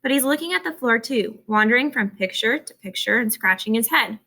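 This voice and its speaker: A woman narrating a children's audiobook in a steady, expressive way. Her voice is very bright and sits a little high, with a gravelly edge. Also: fairly quick. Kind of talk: scripted narration of a children's novel.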